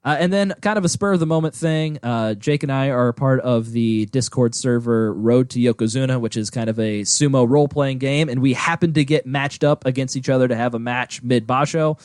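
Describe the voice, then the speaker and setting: A man's voice: medium pitch, a little fast, hardly any pauses, darkish tone, clean tone, no room sound, studio quality. A man co-hosting a casual podcast, teasing and needling the others. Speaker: podcast co-host.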